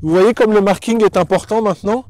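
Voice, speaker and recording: A man's voice: sits high, a little fast, darkish tone, soft background music. A man working as a dog trainer, explaining things in a didactic, instructional way and addressing the viewer directly. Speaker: dog trainer presenting a tutorial.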